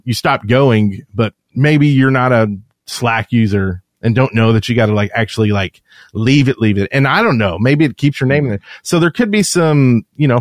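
A male podcast co-host with a mid-range voice chats casually, rambling and correcting himself as he goes. The audio is dry and studio quality.

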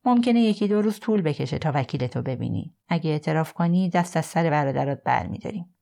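A woman's voice: low voice, expressive, gravelly, mellow. A woman voicing a male federal agent in an audiobook, firm and insistent. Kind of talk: audiobook character voice.

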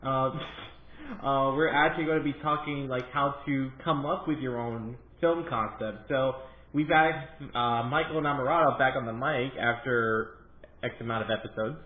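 A man's voice: medium pitch, fairly even intonation, normal speed, a crowd in the background. A man hosting a podcast in casual, rambling chat with hesitant phrasing. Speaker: podcast host. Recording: roomy, thin phone-like line.

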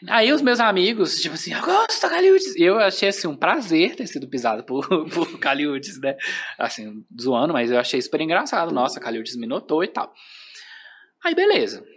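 A man from Brazil with a Brazilian Portuguese accent, a podcast guest telling an animated story in casual chat, full of filler phrases. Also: fairly high pitch, normal speed, a little hiss or hum.

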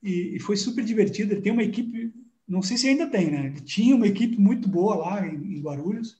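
High-voiced Brazilian man telling stories. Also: fast, echoey room. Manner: rambling, repeats words, animated storytelling. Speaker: guest filmmaker. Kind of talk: casual interview chat.

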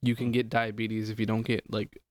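A man's voice: lowish voice, completely flat delivery, fairly quick, no echo. A man hosting a podcast in casual chat, reading lists aloud with joking asides. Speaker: podcast host.

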